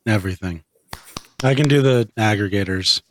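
A young man co-hosting a podcast in casual chat, his voice hoarse from a fever, talking in a low-key way. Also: moderate pace, fairly bright tone, a little hiss or hum. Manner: low-key, talks little while sick. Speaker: podcast co-host.

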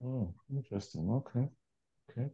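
A man's voice: medium pitch, expressive, normal speed, mellow, husky, dull audio. A man with a London roadman accent chatting casually and slangily on a football panel. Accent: London, urban street slang. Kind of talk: casual chat.

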